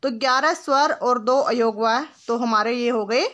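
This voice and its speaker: This Hindi grammar lesson comes from a high-voiced, slightly bright woman speaking at a moderate pace, and the recording's highs are cut off. She addresses the listener as "बेटा", answers her own questions, and frequently slips in "ठीक है" while teaching patiently.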